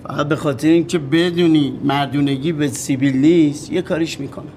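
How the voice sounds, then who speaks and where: A man's voice: a little high, fairly even intonation, a little hiss or hum, lightly acted. An actor playing a boastful streetwise man in film dialogue, with brash slangy talk. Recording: film soundtrack with loud music.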